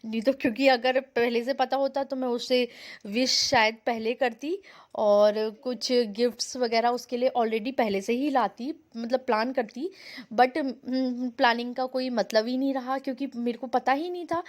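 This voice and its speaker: A woman's voice: fairly high pitch, steady tone, normal speed. A young woman from India narrating her family vlog in a chatty, rambling way, mixing in English words. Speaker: vlogger.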